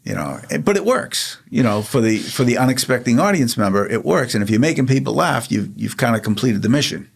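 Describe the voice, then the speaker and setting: A man, a comedian guest telling stories in a rambling, halting, joking way. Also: medium pitch, very animated, creaky, slightly rough. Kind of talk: casual interview chat.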